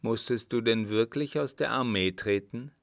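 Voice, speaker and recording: A man's voice: medium pitch, moderate pace, gravelly, no room sound, clean studio sound, close to an everyday voice. A man reading a storybook voices an astonished male companion asking eager questions. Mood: curious.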